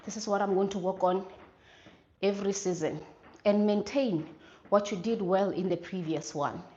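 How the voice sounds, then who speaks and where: This workout clip features a woman fitness instructor whose warm, medium-pitched voice moves at a moderate pace, with the highs cut off. Encouraging throughout, she gives instructions and short motivational cues, pushing with clipped commands repeated during exercise.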